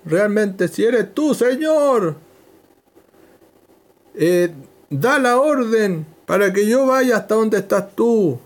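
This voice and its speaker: A man's voice: sits high, animated, slow, long pauses, voice pushed up. A man voicing a frightened, eager fisherman disciple who pleads in a raised voice. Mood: pleading.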